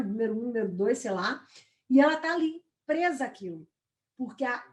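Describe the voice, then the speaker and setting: High-voiced woman trainer. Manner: animated, addresses students by name. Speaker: corporate trainer. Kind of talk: live training talk.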